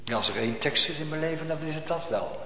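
A man preaching a sermon, swinging between loud emphatic calls and quiet, almost whispered asides. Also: fairly high pitch, lively intonation, quick pace, a little hiss or hum. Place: church. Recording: echoey church hall.

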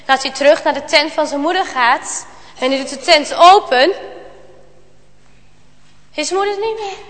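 A woman with a very high, bright voice tells a children's story. She swings from loud exclamations to hushed passages. Her voice rings out in a hall with a long reverb. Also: normal speed.

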